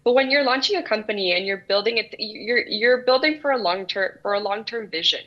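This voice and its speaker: Talking a little fast in a mid-range voice, this Salvadoran founder in her thirties responds to interview questions with earnest answers and frequent restarts. The sound quality is dull and lo-fi.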